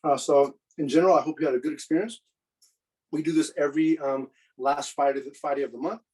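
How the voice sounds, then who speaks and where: A man presenting a live cooking demonstration for students, in a relaxed, chatty way with many fillers. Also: on the high side, quick pace, recorded from a distance, low-quality recording.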